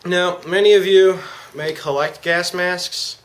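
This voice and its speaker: Speaking slowly with fairly even intonation and a high-pitched voice, a man shows off a product as an amateur reviewer. His manner is informal and full of slang. There's clear background noise in the recording.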